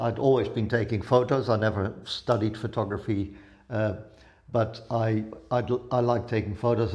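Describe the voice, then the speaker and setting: A man in his seventies, from the Netherlands, chatting as an interview guest in a relaxed, rambling way with many pauses. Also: on the low side, gravelly. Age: 70s. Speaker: guest, retired photographer and blogger. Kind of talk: casual interview chat.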